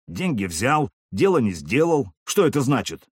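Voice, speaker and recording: A man's voice: medium pitch, big pitch swings, moderate pace, husky, no room sound, studio quality. A man voicing a drunk, crude male town guard sergeant who barks his coarse threats. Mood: gloating, threatening. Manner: barking, coarse, suspicious.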